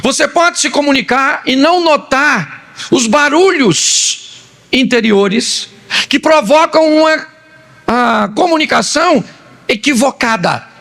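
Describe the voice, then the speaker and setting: Male pastor, fifties, gravelly rasp, high-pitched, joking and animated. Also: takes it slowly. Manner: animated, joking storytelling with acted-out quotes. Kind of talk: humorous sermon.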